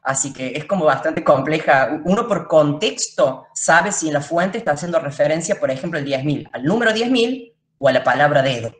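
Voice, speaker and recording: Teacher, female, low-pitched, patient classroom explainer, reverberant room. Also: animated, moderate pace, few pauses. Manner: explains step by step, checks in with the class. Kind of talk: classroom lecture.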